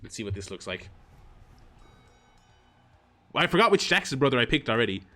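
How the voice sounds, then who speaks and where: A man talks through a mobile game on a stream in a bright, forward voice of medium pitch. He reads the tutorial text aloud and fills the gaps with wry, self-deprecating asides and plenty of ums and uhs. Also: big pitch swings, normal speed, soft background music. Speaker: gaming streamer.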